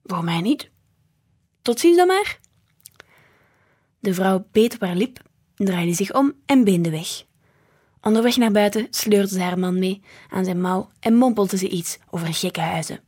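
A woman reading a children's book aloud in a lively, expressive way. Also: mid-range voice, moderate pace, husky. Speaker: storybook reader.

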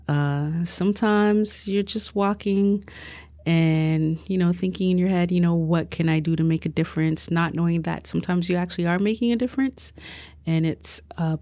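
A low-voiced woman speaks modestly and with good humor about her community work. The recording is dry and close. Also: fairly even intonation, measured pace, mellow, no room sound. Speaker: community organizer. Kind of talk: interview answers.

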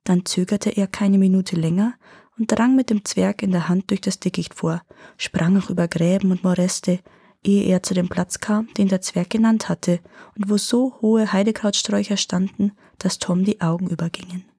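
A woman storyteller reading a fairy tale aloud in gentle, measured narration. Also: medium pitch, steady tone, breathy edge, no room sound, clean studio sound.

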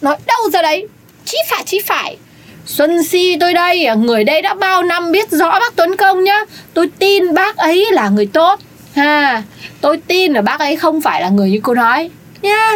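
A woman's voice: extremely high pitch, animated, moderate pace. A woman playing a feisty old café owner. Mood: scolding. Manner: bossy, scolding, swooping. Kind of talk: comedic audio drama.

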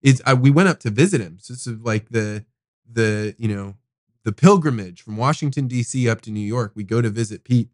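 A man hosting a podcast, telling a personal story in an animated, casual way, swearing now and then. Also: medium pitch, a little fast, no room sound, clean studio sound. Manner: animated, swears casually, acts out quoted people. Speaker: podcast host. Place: studio.

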